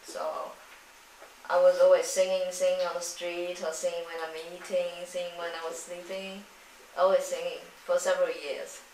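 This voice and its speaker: A young Chinese woman, whose first language is Chinese, speaks English in a reflective documentary interview as a poet and singer, searching for words. Her voice is fairly low, level and darkish at a moderate pace, recorded on a distant mic in a roomy space with faint noise.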